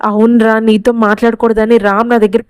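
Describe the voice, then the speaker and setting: Woman voicing a grieving mother, lamenting, smooth, slightly high voice. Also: little pitch movement, moderate pace, a little mellow, dry recording, close to an everyday voice. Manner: lamenting, sorrowful. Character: tearful middle-aged mother, anxious and grieving.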